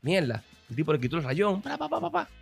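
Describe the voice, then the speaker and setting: A man's voice: sits high, fast, vocal fry, slightly rough, faint music behind. A man telling funny stories in a casual chat, acting out the voices and laughing often. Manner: animated storyteller, acts out voices, laughs often. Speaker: podcast co-host.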